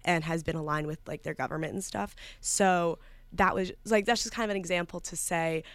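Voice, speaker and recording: A woman's voice: fairly low pitch, steady tone, a little fast, no echo. A young woman from New York, a student guest talking earnestly in a casual interview, with many fillers and restarts. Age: young adult.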